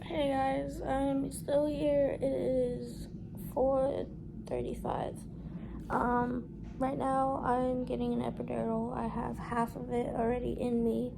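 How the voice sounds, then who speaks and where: An exhausted woman vlogger giving a slow, weary update from a hospital room, sometimes dropping to a whisper. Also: high-pitched, flat delivery, vocal fry. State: tired and exhausted. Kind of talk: vlog update to camera. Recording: noisy hospital room ambience.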